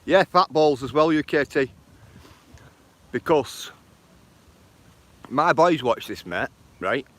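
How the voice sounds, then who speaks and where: On the high side, animated yet slow, and pausing often, this man's voice carries a Lancashire accent from northern England. He chats casually on an outdoor walking live stream by the water. He greets viewers by name and calls them bro and bruv.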